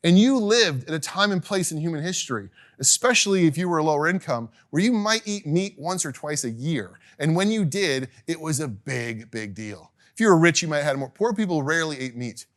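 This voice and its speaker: A middle-aged man teaching a casual class, chatty and animated, acting out little quotes and laughing now and then. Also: fairly high pitch, a little fast, few pauses.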